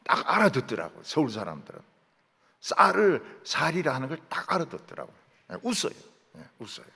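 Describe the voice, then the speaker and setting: A middle-aged man preaches in a Gyeongsang accent, acting out dialect words as he tells his stories. His voice is raspy and gravelly, and his pitch swings dramatically. The sound carries a long reverb from a big church hall. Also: a little fast. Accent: Gyeongsang Korean. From Gyeongsang region, Korea. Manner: animated storytelling, mimicking dialect words. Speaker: pastor. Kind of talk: sermon. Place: large church sanctuary.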